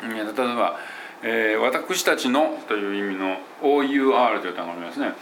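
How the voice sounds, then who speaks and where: In a casual spoken audio diary, a man who teaches English pronunciation chats loosely, full of fillers and self-corrections, slowing down to demonstrate English phrases. His voice is fairly low, expressive, and a bit bright, with a faint hiss or hum.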